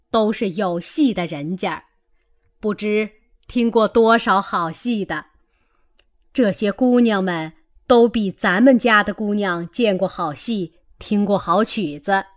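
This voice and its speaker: Slow easygoing old granny boss of the house, a woman reading her lines, storybook reading. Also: mid-range voice, lightly acted. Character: elderly genial matriarch grandmother, commanding.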